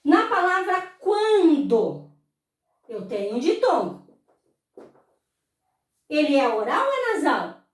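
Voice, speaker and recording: A woman teacher with a Brazilian Portuguese accent, explaining slowly, drawing words out and answering her own questions. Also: high-pitched, very animated. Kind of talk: slow explanatory lesson. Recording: very echoey room, voice far from mic.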